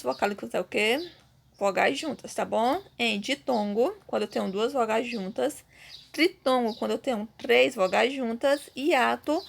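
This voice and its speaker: A woman's voice: fairly high pitch, vocal fry. A Brazilian woman teaching a Portuguese lesson, patiently explaining step by step and often checking in with her students. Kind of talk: recorded online class.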